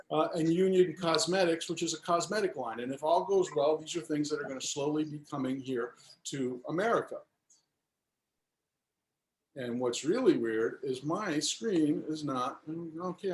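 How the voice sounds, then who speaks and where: Brief: chatty Northeastern sales director, slightly high voice, roomy echo on a video call. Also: male voice. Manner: chatty, upbeat, filler-heavy. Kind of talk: webinar presentation.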